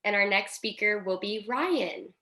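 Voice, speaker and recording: Young woman, crisp bright voice, warm appreciative ceremony tribute. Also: mid-range voice, unhurried. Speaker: undergraduate speech pathology student.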